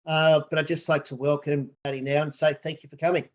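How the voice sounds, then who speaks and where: Friendly man interviewing, higher voice. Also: little pitch movement, quick pace, highs cut off. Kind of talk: interview questions.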